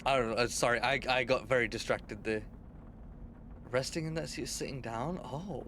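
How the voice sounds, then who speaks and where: At a normal speed and medium pitch, a young man's slightly bright voice carries some light hiss or hum. He's live-streaming a game, chatting loosely with his audience and cursing a lot.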